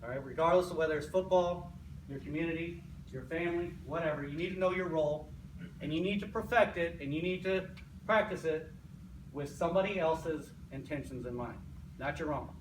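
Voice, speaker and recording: Brisk and on the high side, the voice belongs to an American army sergeant rousing his listeners before a game. His delivery is emphatic and repetitive, punctuated by "right?", and the sound is distant, echoey and noisy.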